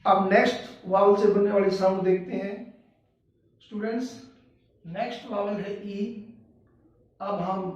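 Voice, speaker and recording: A man's voice: sits high, darkish tone. A male teacher giving a pronunciation lesson. He spells each word out letter by letter and then says it. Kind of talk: Hindi-medium English pronunciation lesson. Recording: echoey room, distant mic, dull lo-fi.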